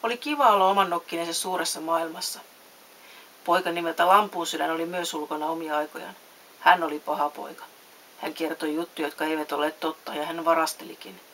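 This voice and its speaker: A woman's voice: steady tone, low-quality recording. A woman reading a children's fairy tale aloud, lifting her voice for the characters' lines. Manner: reads voices with raised pitch and loudness. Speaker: storyteller. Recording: faint hiss.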